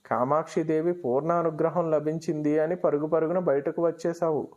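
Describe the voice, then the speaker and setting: A man's voice: fairly high pitch, fairly even intonation, normal speed, a little mellow, natural voice. A man doing a revered old sage in a storybook tale, kindly yet stern, with a commanding, knowing way of speaking. The recording sounds dull and lo-fi.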